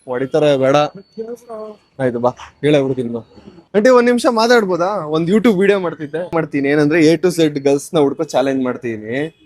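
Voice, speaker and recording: A man's voice: fairly high pitch, expressive, brisk, a little mellow, dry recording. A man vlogging outdoors on a shopping street, stopping strangers politely and chatting to his viewers. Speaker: vlogger doing a street challenge. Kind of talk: casual street vlog, talking to camera and strangers.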